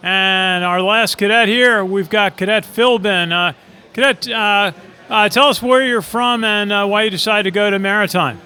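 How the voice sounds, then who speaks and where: A man interviewing students at an event in a casual, halting way, with many "uh" fillers and short praise. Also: sits high, pushed and bright, clean tone. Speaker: interviewer and video host.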